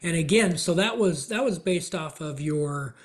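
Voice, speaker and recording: A man's voice: a little high, animated, a little slow. Man hosting a sports interview podcast. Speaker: podcast host, conference commissioner. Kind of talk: interview host.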